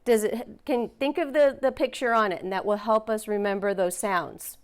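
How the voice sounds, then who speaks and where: A woman's voice: medium pitch, normal speed, smooth. A woman teaching a phonics lesson, patiently sounding out letters and words and encouraging her learners.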